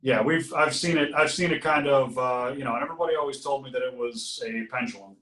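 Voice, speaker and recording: Here the Ohio podcast guest talks at a quick clip in a mid-range, somewhat bright voice, relaxed and laughing at times as he shares his story conversationally. He sits well away from the mic, and the room comes through.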